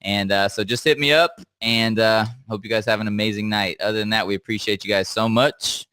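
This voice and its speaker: Man, live-stream host, lowish voice, crisp, excited, laughing often, casual chat. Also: a little fast, dry recording. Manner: hyped and giggly, keeps breaking into laughter. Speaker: livestream host.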